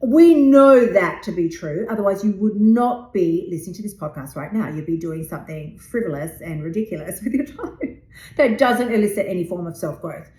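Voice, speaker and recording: A woman's voice: mid-range voice, expressive, normal speed, a little mellow. A woman in her fifties hosting a motivational podcast, talking bluntly and emphatically and swearing freely. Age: 50s. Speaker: podcast host and weight loss coach. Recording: roomy echo.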